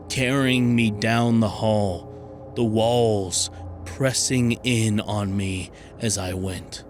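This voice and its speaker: A man reading a horror story aloud, in a measured, hushed and suspenseful way. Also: lowish voice, noisy background. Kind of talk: scripted horror narration.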